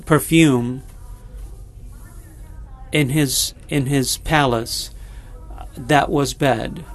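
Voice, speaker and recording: Guy preaching a sermon real slow, gravelly voice, lots of ums and restarts. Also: mid-range voice, steady tone. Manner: halting, many fillers and restarts, slow and deliberate. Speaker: pastor.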